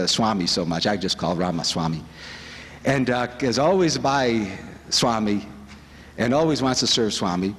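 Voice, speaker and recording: A man's voice: mid-range voice, fairly bright tone. Earnest man speaking in a reverberant hall. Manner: earnest, reflective storytelling. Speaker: speaker at a spiritual retreat. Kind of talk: devotional talk. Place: conference hall.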